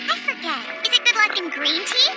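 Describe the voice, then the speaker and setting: A woman's voice: extremely high pitch, sing-song, fairly quick, over loud music, low-quality recording. A woman playing a sweet, cheerful teenage schoolgirl in an English anime dub, chirpy and earnest. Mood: sweet, chatty. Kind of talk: English-dubbed anime acting.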